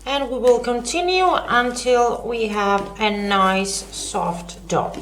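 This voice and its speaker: A woman's voice: on the high side, takes it slowly, echoey room, slight background noise. A woman hosting a home cooking lesson, chatty, with many fillers and self-corrections. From Greece. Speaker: cooking show host.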